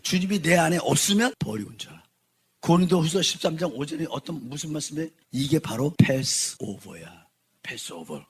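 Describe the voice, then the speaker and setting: Fervent, husky-voiced Korean pastor. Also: male voice, fairly high pitch. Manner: fervent, swings from quiet to shouting. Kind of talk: sermon.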